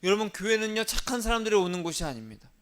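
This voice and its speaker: A male pastor delivers a sermon in a voice pitched a little above the usual for a man. He teaches by asking questions and answering them himself, and he has the listeners repeat short lines after him. His delivery moves between stressed, louder phrases and quiet asides. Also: sing-song, racing. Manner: swings between loud stressed phrases and soft low asides.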